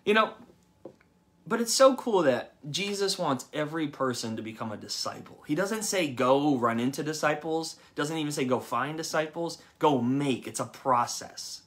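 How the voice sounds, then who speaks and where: Bright-voiced animated young preacher man. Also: on the high side, normal speed. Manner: animated, conversational, quotes people in lively voices. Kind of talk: sermon. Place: church service.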